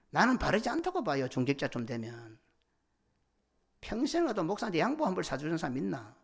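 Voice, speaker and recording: A middle-aged man preaching a sermon as senior pastor, swinging from loud cries to hushed whispers. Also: high-pitched, vocal fry. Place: church sanctuary.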